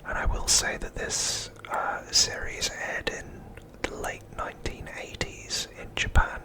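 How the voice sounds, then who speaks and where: Slow, hushed, and entirely whispered without voice, an ASMR host's breathy commentary accompanies an improvised show-and-tell.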